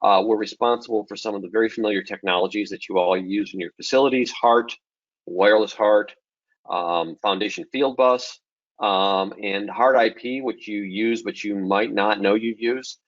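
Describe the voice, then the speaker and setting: A man gives a technical webinar in a low, early-morning voice, talking in a relaxed way with plenty of ums. The sound is dry and muffled, like a computer mic on a call. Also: normal speed, no echo. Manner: relaxed, with frequent ums and restarts. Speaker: webinar presenter. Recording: dull lo-fi webinar audio.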